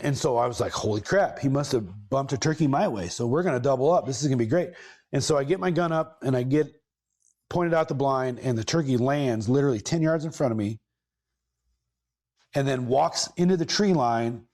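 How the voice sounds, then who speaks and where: A man, hosting a podcast and telling a long casual story, rambling and correcting himself as he goes, with lively bursts of emphasis. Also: medium pitch, brisk. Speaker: podcast host.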